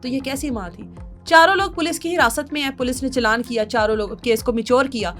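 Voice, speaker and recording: Woman, higher voice, animated crime storytelling, faint music underneath. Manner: animated, shifts pitch for quoted speakers. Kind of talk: storytelling crime case in talk show.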